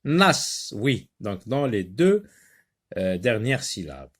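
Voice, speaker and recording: Moroccan man slowly drilling syllables. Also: on the low side, very animated, husky. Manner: switches between French and Moroccan Arabic, slow syllable-by-syllable drilling. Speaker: teacher. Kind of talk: phonics lesson for young learners.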